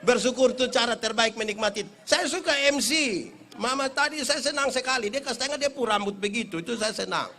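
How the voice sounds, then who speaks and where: A man's voice: very high-pitched, a little fast, hardly any pauses, a little hiss or hum. A man with an eastern Indonesian accent preaching a humorous Christmas sermon, acting out stories in playful voices. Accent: eastern Indonesian (Kupang Malay). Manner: animated storyteller, acts out villagers in funny voices. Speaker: pastor. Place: church or hall event, live.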